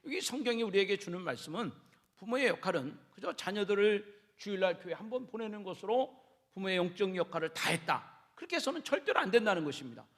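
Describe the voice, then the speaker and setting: A middle-aged man preaching an impassioned sermon in a church, repeating phrases and building up to shouts. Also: high voice, big pitch swings, fast. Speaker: pastor. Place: church sanctuary.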